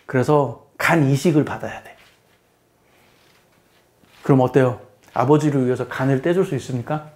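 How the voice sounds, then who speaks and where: A man's voice: medium pitch, moderate pace, pauses often, darkish tone. A middle-aged man, a math teacher, giving a casual spoken lecture in a plain explaining tone. He often repeats phrases and puts questions to the listener.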